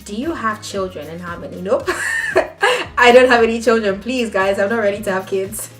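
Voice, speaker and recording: A woman's voice: medium pitch, huge pitch swings, moderate pace, fairly bright tone, soft background music. A young woman raised in Ghana, chatting casually to her camera as a vlogger while answering tag questions, talking straight to her viewers with laughing asides. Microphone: camera on a table.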